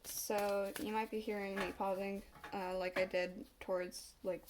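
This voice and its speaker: A woman with a congested voice, recovering from a cough, giving a casual tarot reading with halting pauses. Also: mid-range voice, level tone, noisy background. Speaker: tarot reader.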